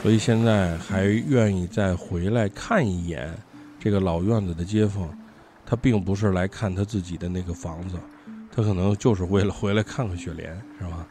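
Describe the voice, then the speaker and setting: A man's voice: deep voice, moderate pace, over music. A man with a Beijing accent hosting a casual, joking conversation. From Beijing, China. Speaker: talk show host.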